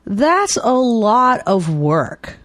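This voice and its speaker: A woman reading everyday dialogues aloud for English learners with clear, deliberate enunciation. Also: a little high, very animated, a bit bright, no room sound. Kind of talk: slow scripted dialogue reading.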